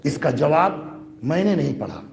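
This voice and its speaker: An Indian Shia cleric preaches a majlis sermon to an audience of mourners, posing rhetorical questions as his voice swells into loud, grieving cries of lament. His voice is on the high side, with big pitch swings and vocal fry. The live gathering carries crowd noise.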